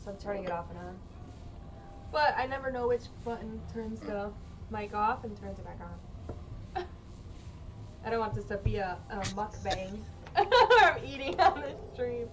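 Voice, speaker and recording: A woman's voice: a little high, animated, a little slow, long pauses. A woman streaming a video game, chatting casually with friends and laughing often. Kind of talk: casual gaming stream chat. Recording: noisy background.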